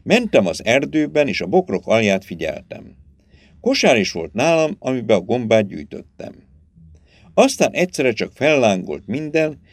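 A man's voice: medium pitch, dry recording. A man reading aloud and voicing a frightened young woman who has lost her memory, speaking hesitantly. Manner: hesitant, fearful, halting.

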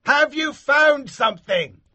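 Man putting on a shrill, greedy grown man. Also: very animated, normal speed, husky, dry recording, heavily acted. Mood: shouting down. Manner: shrill shouting.

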